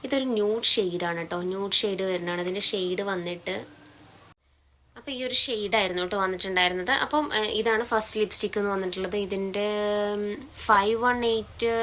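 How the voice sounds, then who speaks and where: A woman's voice: medium pitch, sharp tone, a little hiss or hum. A woman with a Malayali accent showing her collection in a casual, chatty vlog, tagging her sentences with little asides. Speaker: beauty vlogger. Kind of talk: casual product showcase.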